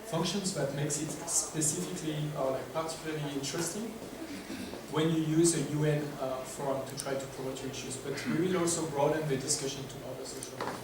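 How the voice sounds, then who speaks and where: His voice sits on the high side with fairly even intonation and a quick pace as this workshop speaker, a man with a French accent, presents in English. Filler words and hesitation run through his talk, which includes questions to the audience, and the noisy recording echoes from a distance in a large conference room.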